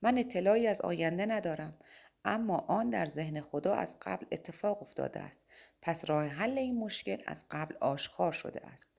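A woman's voice: on the low side, lively intonation, vocal fry, a little mellow. Woman voicing an anxious young warrior man. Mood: reasoning. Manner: urgent, raised and pleading. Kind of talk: audiobook character voice.

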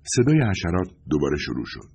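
A man narrating a first-person audiobook in a dramatic, expressive storytelling manner. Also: extremely low pitch, slightly rough.

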